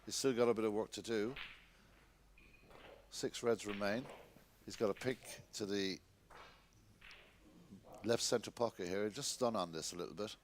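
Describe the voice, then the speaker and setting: A man giving hushed, measured snooker commentary in an understated way. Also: fairly low pitch. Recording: noisy commentary recording with clicks.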